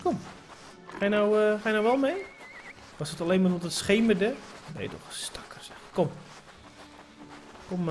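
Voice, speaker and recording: A man casually commenting on his survival game, swearing and coaxing an in-game pig in a playful sing-song voice. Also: high-pitched. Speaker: gamer streaming a survival game. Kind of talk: casual let's-play commentary. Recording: noisy home setup.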